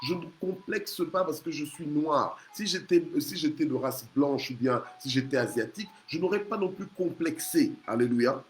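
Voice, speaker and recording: Leading morning prayer, a preacher from Congo exhorts his listeners emphatically, repeating phrases and adding hallelujah and amen. His voice is on the high side and animated, at normal speed with few pauses, amid clear background noise and ambient sound.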